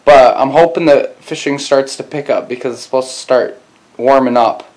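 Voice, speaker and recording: A man's voice: medium pitch, steady tone, moderate pace, darkish tone, no echo. A young man hosting a casual fishing vlog, upbeat and coaching his cousin with short repeated cheers, recorded on an action camera inside a small ice shelter. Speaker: outdoors channel host.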